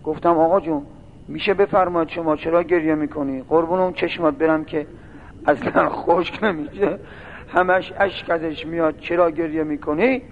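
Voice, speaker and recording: A man's voice: a little high, fairly even intonation. A man preaching a sermon, telling a long religious story and building into mournful chanting. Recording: tinny phone-like sound with faint noise.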